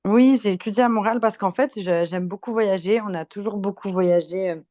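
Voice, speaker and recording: A French woman in her twenties, whose accent carries a slight Québécois tinge, chats casually and good-humoredly as a podcast guest, telling anecdotes. Her mid-range voice is warm and a little fast, and the recording is muffled with no echo.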